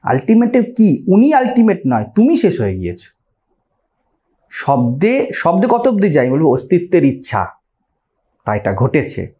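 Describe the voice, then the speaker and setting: A man with a Bengali accent, speaking as a spiritual teacher, lectures on scripture step by step and keeps checking with his listeners through rhetorical questions. His voice sits on the high side and is mellow, with huge swings in pitch. He talks a little slowly and leaves long pauses.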